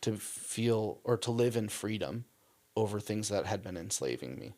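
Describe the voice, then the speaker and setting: A young man, a missionary guest, telling his story in a casual interview, animated and full of "like" and "um". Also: lowish voice, moderate pace. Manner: animated storyteller, acts out quotes, frequent "like" and "um".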